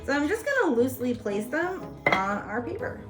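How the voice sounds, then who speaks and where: A woman's voice: sits high, very animated, moderate pace. A woman hosting a spooky craft tutorial in a playful, conversational horror-host manner. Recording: music playing behind the voice. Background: music.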